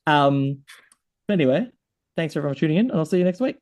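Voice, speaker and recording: A man's voice: fairly high pitch, expressive, quick pace, a little mellow. A man hosting a casual podcast chat, rambling with lots of fillers. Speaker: podcast host.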